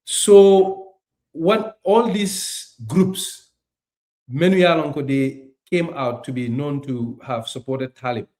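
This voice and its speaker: A man's voice: a little high, takes it slowly, darkish tone. A man hosting an interview, pressing his guest with repeated, pointed questions. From Gambia. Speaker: interview host.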